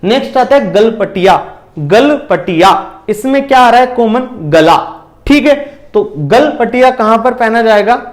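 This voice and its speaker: Brief: high-pitched male tutor, exam-prep lecture, keeps asking and answering his own questions. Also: lively intonation, unhurried. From India. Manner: repeats questions and answers them himself, keeps asking if it is clear. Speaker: teacher.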